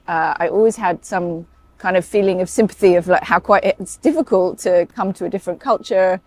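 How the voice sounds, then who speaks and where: A woman with a British accent, a paediatric emergency consultant who grew up in Saudi Arabia, chats casually as an interview guest. Her voice is lowish and brisk. She is talkative and chatty, full of fillers and asides.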